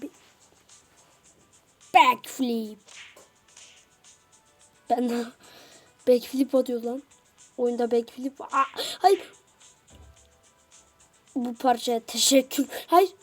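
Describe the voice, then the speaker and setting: A woman narrates her game in a high voice, chatting to viewers in loose slang. She draws her words out slowly and repeats phrases again and again as she reacts. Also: soft background music. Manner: excitable, repeats phrases in bursts; slangy casual talk to viewers. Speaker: gamer. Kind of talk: let's play commentary.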